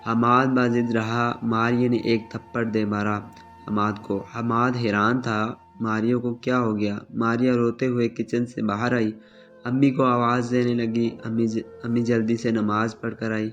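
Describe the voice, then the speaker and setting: A man narrating a romantic family drama in a steady, scripted storytelling voice. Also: medium pitch. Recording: slightly dull with soft music.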